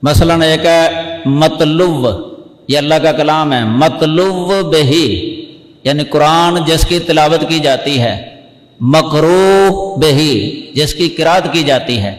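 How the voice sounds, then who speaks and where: A man with a fairly high voice teaches a religious lesson in a patient, explanatory way. He slows down and repeats key words so that they sink in. His voice rings through a roomy hall with a long echo tail. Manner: explanatory, repeats key terms slowly for emphasis. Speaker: Islamic scholar teaching hadith. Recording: echoey hall with long reverb.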